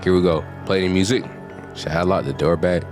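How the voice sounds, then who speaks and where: A man giving casual, slangy gameplay commentary, reacting out loud in an animated way. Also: low voice, fairly quick, music in the background. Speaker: gaming video creator.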